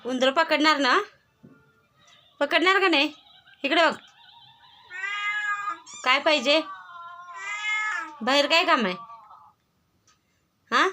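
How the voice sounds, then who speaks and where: A woman's voice: high-pitched, slow, long pauses, pushed and bright, soft background music. A woman vlogger talking to her pet in a casual way, mock-stern and coaxing, repeating short commands.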